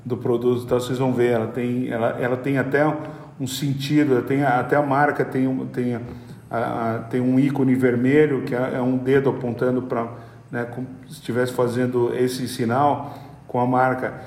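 A middle-aged company executive with a Brazilian Portuguese accent, appearing as a podcast guest, tells business stories in a relaxed, wandering way at a moderate pace. He hesitates, keeps restarting, and repeats small words as he explains at length. His average-pitched voice sits in a roomy space with a noticeable echo.

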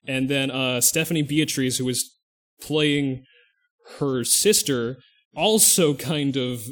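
In a slow, mid-range voice, a male podcast co-host rambles through casual conversation. He thinks aloud and keeps breaking off to restart or fix what he just said.

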